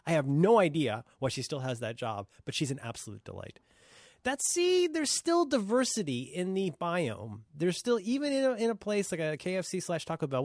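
A man co-hosting a podcast, telling stories in a laughing, animated way and swearing freely. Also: a little high, dry recording, studio quality. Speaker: podcast co-host. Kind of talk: casual chat.

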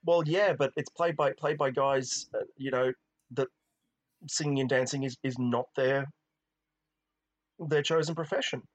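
A man's voice: medium pitch, steady tone, a little slow, pauses often, poor audio. A man co-hosting a film podcast, talking casually and rambling, with many restarts and "you know"s. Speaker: podcast co-host. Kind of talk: casual film review chat.

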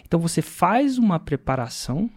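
A Brazilian man hosting a casual chat, telling stories in an animated way and laughing often. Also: a little high, fairly quick. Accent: Brazilian Portuguese.

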